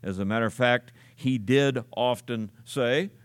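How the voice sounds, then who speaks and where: A man's voice: mid-range voice, a little slow, clear, resonant tone, dry recording. An older man preaching a conversational, folksy sermon. He tells stories and repeats key words for emphasis.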